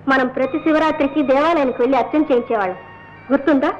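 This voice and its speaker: Casting: actress for a pleading, devoted young wife, fast-talking, on a muffled vintage soundtrack. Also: female voice, sits high, close to an everyday voice. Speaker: wife and mother. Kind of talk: 1970s Telugu film dialogue. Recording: muffled old film soundtrack with music.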